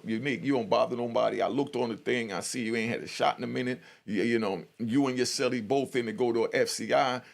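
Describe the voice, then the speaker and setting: With a creaky, medium-pitched voice, a middle-aged YouTuber tells prison stories and offers commentary. He talks in a relaxed, slangy, streetwise way, regularly addressing the listener directly.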